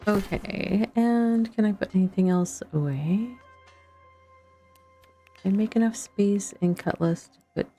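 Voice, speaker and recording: A woman with a husky, dark, mid-range voice speaks at a measured pace with long pauses. She's streaming an online fantasy game, chatting casually and thinking aloud in short fragments over music.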